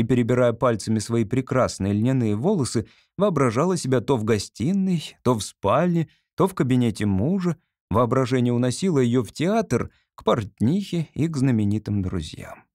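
A man reads a classic story aloud in a measured, expressive way. His voice sits at an ordinary middle pitch. The recording is close and dry, with no room sound. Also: no room sound. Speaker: audiobook reader. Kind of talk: scripted literary narration.

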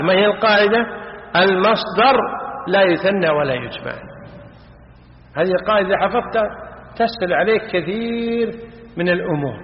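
A man teaching a grammar lesson. He repeats example forms and quizzes his students with questions. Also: sits high. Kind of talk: classical Arabic grammar lesson. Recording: echoey hall, dull lo-fi sound.

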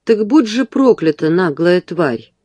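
Reader doing a drunk loud bully gent, rough and cursing, dry close audiobook sound. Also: medium pitch, very animated, moderate pace, no echo, natural voice. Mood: brutal.

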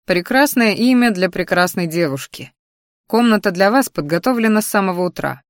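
A woman's voice: mid-range voice, expressive, normal speed, no echo, studio quality, close to an everyday voice. A woman voicing a courteous, good-natured middle-aged father with a sly, teasing manner in a story. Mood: genial.

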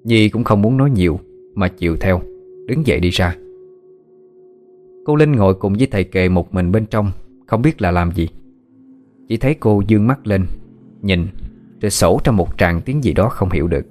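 Low-voiced man narrating a ghost story. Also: expressive, moderate pace, pauses often, darkish tone.

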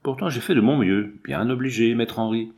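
A man's voice: mid-range voice, a little fast, a little mellow, close to an everyday voice. A man reading a story aloud, voicing a sly, mean-spirited young gamekeeper with a sarcastic, fawning manner.

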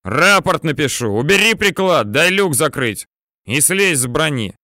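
A man voicing a gruff, irritable middle-aged tank commander who shouts orders. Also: mid-range voice, sing-song, slow, no echo, clean studio sound, exaggerated voice.

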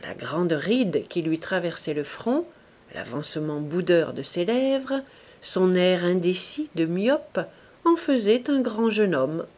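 A woman narrating a classic novel as an audiobook, in a measured, expressive manner. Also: on the low side. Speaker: audiobook reader.

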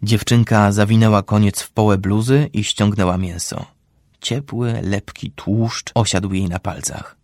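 Male narrator, lowish pitch, steady audiobook delivery, dry booth-like sound. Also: unhurried, no echo. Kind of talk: audiobook-style story reading.

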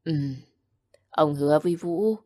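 A woman voicing a kind old grandfather who speaks in a calm, comforting way. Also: low voice, measured pace, dry recording, clean studio sound. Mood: reassuring.

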